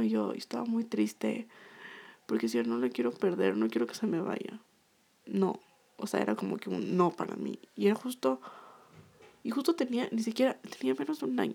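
Gravelly-voiced young woman telling a story. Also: on the high side, warm tone. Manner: chatty, repeats herself, frequent fillers and restarts. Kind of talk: casual storytelling to viewers.

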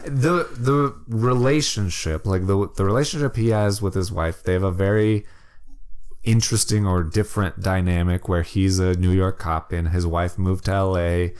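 A man's voice: sits low, steady tone, normal speed, a little mellow, smooth. A man co-hosting a casual movie chat, rambling and enthusiastic, laughing often. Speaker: podcast co-host.

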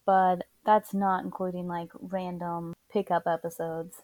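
A woman in relaxed podcast conversation, recorded inside a closet. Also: on the low side, unhurried, dry recording. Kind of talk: casual podcast chat.

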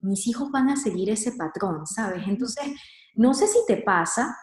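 A woman's voice: medium pitch, lively intonation, measured pace, echoey room. A woman speaking earnestly and reflectively about motherhood in casual conversation, dropping in English words now and then.

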